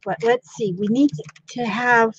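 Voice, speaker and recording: An older woman chatting casually on a craft livestream, thanking viewers warmly and exclaiming often as she sews. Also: a little high, big pitch swings, moderate pace, vocal fry, breathy edge, dull audio. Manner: chatty, gushing thanks to viewers with frequent gasps. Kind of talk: casual live-stream chat while sewing.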